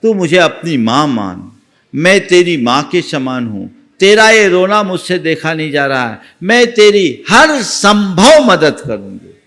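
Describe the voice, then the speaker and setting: A man's voice: on the high side, sing-song, a little slow, fairly bright tone, voice pushed up. A man doing a tender old grandmother. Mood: coaxing. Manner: coaxing, motherly pleading. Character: kindly old woman, tender and pleading.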